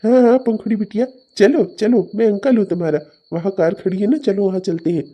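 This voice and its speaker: A man voicing a sleazy, nervous male kidnapper in a cartoon who coaxes smoothly and then hurries. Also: high voice, mellow. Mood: smarmy. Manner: smarmy and coaxing, then hurried. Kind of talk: cartoon voice acting.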